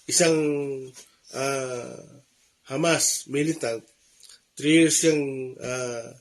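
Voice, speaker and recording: Earnest Filipino preacher, higher voice. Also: male voice. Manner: earnest, repeats points, rising emphasis. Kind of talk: sermon.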